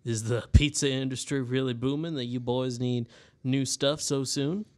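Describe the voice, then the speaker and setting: A man's voice: medium pitch, fairly even intonation, moderate pace, a little mellow, close to an everyday voice. A man voicing a bald old human farmer in his seventies, with a folksy country drawl and wry, sarcastic asides, during a tabletop game. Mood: friendly. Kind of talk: tabletop role-play voicing.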